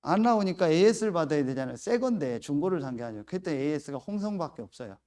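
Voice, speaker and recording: A man's voice: a little high, big pitch swings, quick pace, mellow. A middle-aged man preaching a sermon as pastor, telling a family story and acting out his own angry outbursts.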